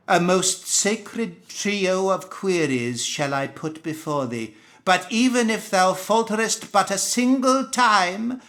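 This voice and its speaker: High-voiced, slow, solemn cult zealot. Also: male voice, fairly bright tone. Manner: solemn, preachy, grandiose archaic phrasing. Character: zealous cult priest of a bloodthirsty goddess. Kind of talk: theatrical video game acting.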